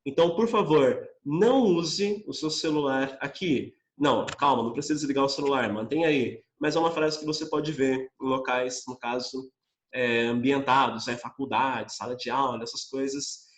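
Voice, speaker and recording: Young man from Brazil, English teacher, casual online class, slow clear example phrases, roomy echo. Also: medium pitch. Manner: chatty, reads English phrases slowly and clearly. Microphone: computer mic on a video call.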